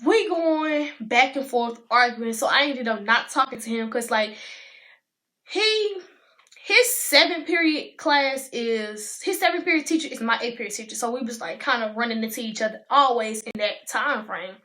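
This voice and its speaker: A teenage woman, telling a storytime in a chatty, animated way and talking to viewers as y'all. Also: fairly high pitch, moderate pace. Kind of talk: casual storytime vlog.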